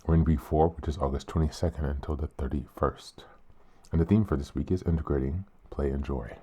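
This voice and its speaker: On his podcast, a man reads thoughtfully in a very deep voice that is slightly raspy from being a bit sick. He keeps his tone calm, earnest and deliberate throughout.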